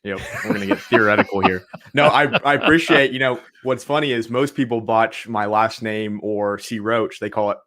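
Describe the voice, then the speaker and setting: A man's voice: on the low side, fairly even intonation, normal speed, few pauses, a bit bright. A man from Oklahoma, a guest on an interview show, answering in an easygoing way and laughing along. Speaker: guest, marketing consultant.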